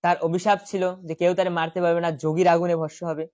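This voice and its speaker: A man's voice: on the high side, fast talker, no room sound. A man teaching a scripture class to children in a village house, telling stories, acting out the lines of gods and often quizzing his pupils. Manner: animated, acts out god's voices in quoted lines, asks pupils questions. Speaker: Gita school teacher. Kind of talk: storytelling scripture lesson to children. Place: village house school room.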